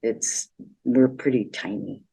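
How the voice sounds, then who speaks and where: A woman's voice: rumbling low, steady tone, takes it slowly, creaky, mellow, husky. A woman giving a casual, chatty slideshow talk about a trip, wandering from point to point with plenty of fillers. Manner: chatty, meandering, with many fillers. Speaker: presenter of a travel slideshow. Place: library meeting room.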